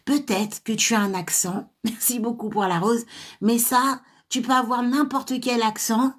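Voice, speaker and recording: Woman, slightly high voice, encouraging live chat, fillers and restarts. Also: steady tone, a little slow. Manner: warm, pep-talk tone with frequent fillers and restarts; laughs often, loud high laughs. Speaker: trainer answering viewers live.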